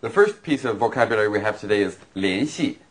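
A man's voice: fairly low pitch, expressive, fast talker, slightly rough. A man teaching vocabulary and grammar in a lesson, explaining patiently with examples. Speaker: language teacher.

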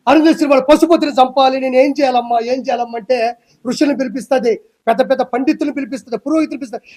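A man's voice: very high voice, a little mellow. A man giving a heated, defiant political interview, repeating himself as he challenges his critics. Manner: fiery, defiant, repetitive.

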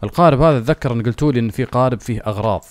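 A man's voice: mid-range voice, very fast, no room sound. A young man giving jokey, easily spooked commentary while playing a survival game for his viewers. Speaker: gaming host. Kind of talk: casual let's-play commentary.

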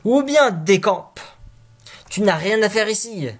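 A man's voice: high voice, moderate pace, pitched above the performer's own voice, lightly acted. Man voicing a simple fearless young lad, naive, puzzled, slightly raised voice, storybook reading. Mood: challenging.

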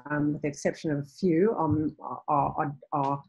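A middle-aged South African woman who founded a nonprofit speaks as a guest on a video call interview from a home room with bookshelves, thoughtful but full of ums and restarts. Her deep voice is steady, a little mellow and slightly rough, at a moderate pace, with highs cut off and faint music in the background.

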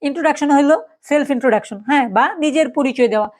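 A woman's voice: high-pitched, rapid-fire, darkish tone. A woman teaching a German lesson online in a chatty way, often saying "yes" and "so" and mixing in English words.

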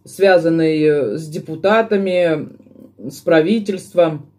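A woman's voice: sits low, a little slow, darkish tone. A woman vlogger chatting to her viewers while chewing her food, scolding commenters in an indignant, lecturing way. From Russia. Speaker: mukbang vlogger. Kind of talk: casual chat to viewers while eating.

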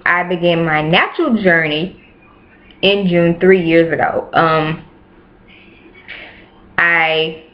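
Sitting in a small bedroom, this YouTuber in her late twenties talks casually to the camera, saying things twice to stress them. She speaks slowly in a lowish voice and pauses often. The sound comes from a nearby webcam and is dull and lo-fi.

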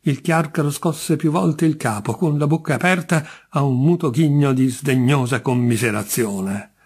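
A man reading a literary short story aloud as a narrator, measured and expressive. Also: fairly high pitch, slightly rough. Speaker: audiobook reader.

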